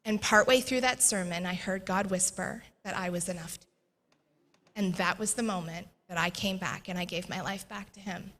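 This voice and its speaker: A woman sharing a personal faith testimony in a church interview, earnest and animated, laughing often as she tells it. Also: medium pitch, normal speed. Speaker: guest sharing her testimony. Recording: long echoey reverb.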